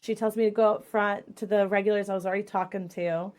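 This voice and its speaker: A young woman hosting a casual chat, telling a bar story in a profane, animated way. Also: medium pitch, fast talker. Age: young adult. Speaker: podcast host and streamer.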